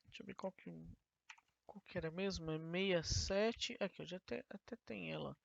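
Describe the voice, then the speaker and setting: Woman teacher in a gravelly, dry tutorial. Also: fairly low pitch, a little fast, no echo. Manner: explains step by step, asking and answering her own questions. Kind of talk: screen-recorded coding tutorial. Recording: dull, lo-fi dry screen recording.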